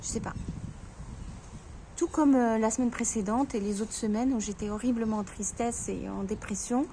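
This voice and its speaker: Woman vlogger, fairly high, mellow voice, halting speech with stammers, faint background hiss. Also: steady tone. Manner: halting, stammering, many restarts. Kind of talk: personal grief vlog, talking to viewers.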